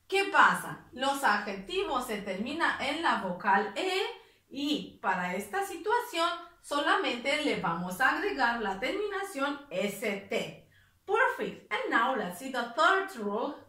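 A woman teaching an English grammar lesson, explaining step by step and repeating words slowly. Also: sits high, pushed and bright, reverberant, distant mic.

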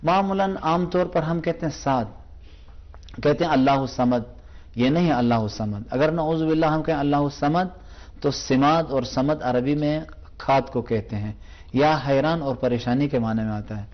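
Speaking at a fairly high pitch, a man patiently explains Quran pronunciation on a televised lesson, slowly repeating each sound as a demonstration, heard through dull audio.

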